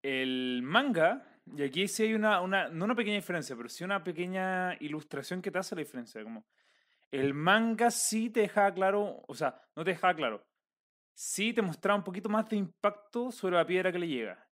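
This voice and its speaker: A man with a Chilean Spanish accent, explaining anime scene details in a relaxed, slangy way. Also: high voice, a little fast. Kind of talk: casual anime discussion.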